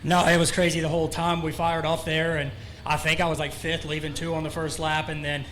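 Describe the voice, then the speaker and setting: Man, race driver, out of breath, fast talk, rambling with fillers, post-race interview, outdoor track. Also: on the high side, little pitch movement, fairly bright tone, slight background noise. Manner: rambling, loose, thankful with many fillers. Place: outdoor dirt racetrack.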